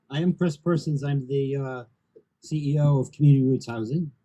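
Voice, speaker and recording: A man, the head of a housing nonprofit, delivers measured prepared remarks at an outdoor ceremony and fills his pauses with ums and uhs. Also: medium pitch, steady tone, dark tone, rough recording.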